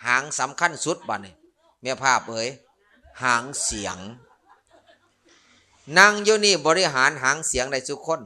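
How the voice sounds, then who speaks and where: A Buddhist monk with a Northeastern Thai Isan accent gives a humorous Dharma sermon packed with jokes, stories and playful asides to listeners. His mid-range voice is very animated, pushed and bright, at a moderate pace with frequent pauses.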